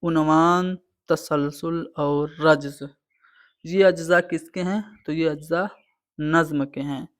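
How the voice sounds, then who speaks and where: Man, tutor, fairly high voice, step-by-step explanations, exam-prep lesson. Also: steady tone, slow. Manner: explains answers step by step, repeating "theek hai". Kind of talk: online exam-prep lecture.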